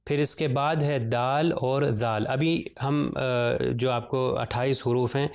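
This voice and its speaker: A man teaching how to read Quranic letters, patient and slow, stretching out each sound with frequent hesitation fillers. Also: medium pitch. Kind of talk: step-by-step lesson on Arabic letters and vowels.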